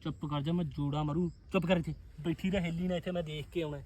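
Fast-talking bossy man in a comedy skit. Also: a little high, steady tone, a little mellow. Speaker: comedy sketch actor.

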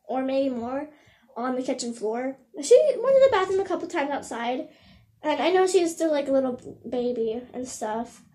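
A woman's voice: high-pitched, darkish tone. A teenage girl chatting casually in a vlog, slipping into baby talk with her puppy. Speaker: vlogger.

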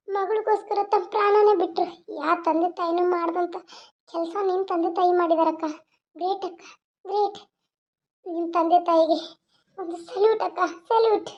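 A woman's voice: very high-pitched, a little mellow. A woman voicing an emotional younger sister in a cartoon, earnest and devoted. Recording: dull lo-fi recording.

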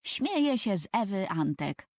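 A woman's voice: medium pitch, sing-song, takes it slowly, a little mellow, dry recording, studio quality. A woman narrating a children's book for an audiobook, telling the story expressively.

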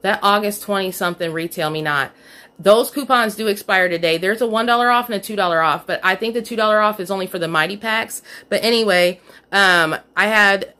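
Her voice is medium-pitched, bright and forceful as she walks through her store haul at home, filmed off screen on a phone camera. A chatty couponing vlogger, she gets a bit self-critical about having missed a coupon.

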